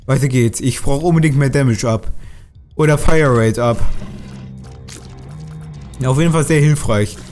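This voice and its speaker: A man's voice: mid-range voice, moderate pace, long pauses, a little mellow, faint music behind. A man commenting on his own play in a let's play, chatty, grumbling and swearing at enemies as he goes. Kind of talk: gaming commentary.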